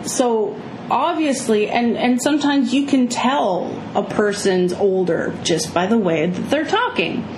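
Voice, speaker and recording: Slow-talking woman with vocal fry, echoey room. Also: a little high, lively intonation. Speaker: co-host of a movie review show. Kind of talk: casual movie discussion. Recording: echoey room with clear background noise.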